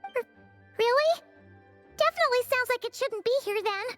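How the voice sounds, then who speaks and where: A woman voicing a small, excitable, childlike fairy companion in a video game, inquisitive and naive. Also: very high-pitched, moderate pace, soft background music. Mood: curious.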